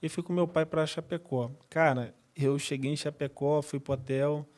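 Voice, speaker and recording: A man in his thirties, a podcast guest, telling his faith story in a casual, colloquial way and replaying conversations with lively inflection. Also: fairly high pitch, normal speed. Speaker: podcast guest, former professional footballer.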